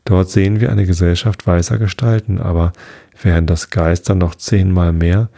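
A man's voice: low voice, fairly even intonation, moderate pace, vocal fry, warm tone, no room sound, clean studio sound. A man voicing a fearless young man who teases and mocks. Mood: teasing.

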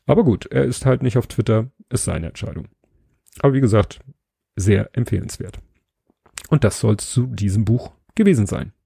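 A man hosting a podcast, giving a relaxed, casual spoken book review and pausing to search for words. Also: on the low side, vocal fry, husky, no room sound, clean studio sound.

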